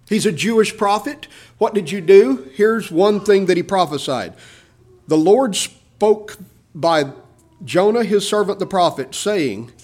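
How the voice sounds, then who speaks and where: A man preaching a sermon, expressive, swinging from emphatic rising lines to quiet asides. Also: fairly high pitch.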